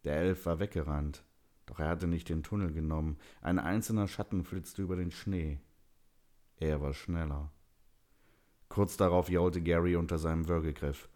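Man, audiobook narrator, very deep voice, steady storytelling. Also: moderate pace.

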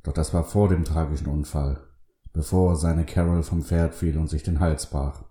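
A man hosting his own show and reading a short story aloud in a calm, measured way. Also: rumbling low, roomy sound. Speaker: host and reader.

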